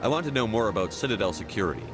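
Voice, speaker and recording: A man's voice: fairly low pitch, animated, very fast, music in the background, natural voice. A man playing a blunt, inquisitive human hero in a science fiction game, speaking in curt, direct lines. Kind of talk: scripted game dialogue.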